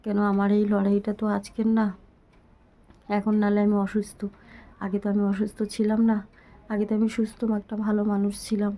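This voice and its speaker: Soft, slow-speaking unwell woman. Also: medium pitch, completely flat delivery, poor audio. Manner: slow, soft-spoken and heartfelt. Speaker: vlogger. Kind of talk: casual talk to camera. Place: small room at home.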